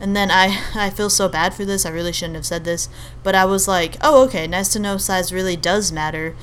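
A woman's voice: mid-range voice, a little fast, fairly bright tone, slight background noise. A young woman from Albania hosting a podcast, talking in a rambling, casual monologue full of fillers and restarts. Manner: chatty, rambling, many fillers and self-corrections. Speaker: podcast host.

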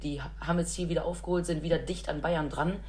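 A woman with a low, deep voice chats casually and enthusiastically as a podcast co-host, with plenty of filler sounds. A faint noise sits under the recording. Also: steady tone, quick pace, a little mellow. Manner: enthusiastic, chatty, many fillers. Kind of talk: casual chat.

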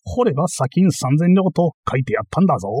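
A man's voice: fairly high pitch, lively intonation, quick pace, warm tone, husky, no echo, clean studio sound, pitched above the performer's own voice. A man voicing a boastful, bumbling self-styled master thief in a dramatized period-novel reading, ranting and easily flustered. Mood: blustering.

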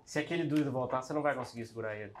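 A man talking as a player in a tabletop game, asking lively questions about plans. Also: medium pitch, rapid-fire, slight background noise. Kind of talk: casual tabletop game chat.

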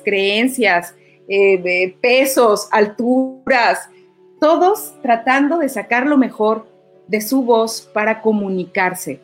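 Lady voice coach chatting in an interview, lively, acts out lines, fairly high voice. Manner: expressive, acts out quoted lines with raised voice. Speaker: voice-over artist and communication teacher. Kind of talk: conversational interview answer.

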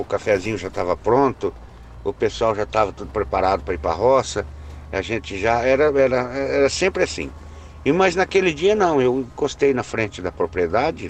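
Guy telling a spooky story from his life, stops and repeats a lot, faint noise behind. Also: lowish voice. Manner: hesitant, repeats words, slows down for suspense. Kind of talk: first-person spoken storytelling.

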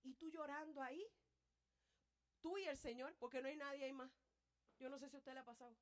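A woman preacher giving an impassioned sermon. She moves between loud, fervent passages and hushed, prayerful ones, and speaks both to the congregation and to God. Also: high voice, steady tone, fairly quick.

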